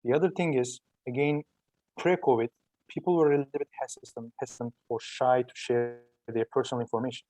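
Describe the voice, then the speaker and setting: Turkish accent guy being interviewed, soft mellow voice, dry close sound, explains stuff and rewords as he goes. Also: mid-range voice, steady tone, a little fast, no room sound, rough recording. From Turkey. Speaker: startup entrepreneur being interviewed. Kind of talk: conversational interview answers.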